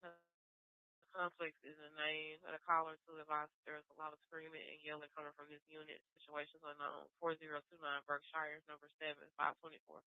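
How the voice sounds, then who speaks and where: A man's voice: a little high, completely flat delivery, a little fast, smooth, no room sound. Man dispatching over tinny police radio. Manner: clipped, routine call-out delivery. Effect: police radio transmission. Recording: tinny narrow-band radio audio.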